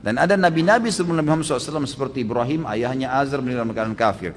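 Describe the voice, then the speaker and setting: A man preaching and answering audience questions in a religious lecture. He talks in an animated, emphatic way and jumps sharply upward to stress his rulings. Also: medium pitch, rapid-fire, in a large hall, a little hiss or hum.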